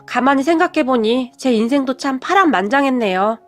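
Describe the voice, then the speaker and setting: A woman giving a scripted first-person story narration in an even, storytelling way. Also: high voice, a little fast, faint music behind.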